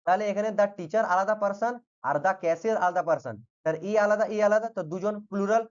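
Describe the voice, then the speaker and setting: A man's voice: high voice, brisk, clean tone. Guy teaching grammar online, patient, repeats stuff and keeps checking u got it, kinda muffled lo-fi audio. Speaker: exam-prep English teacher. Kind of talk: explaining grammar in an online lesson.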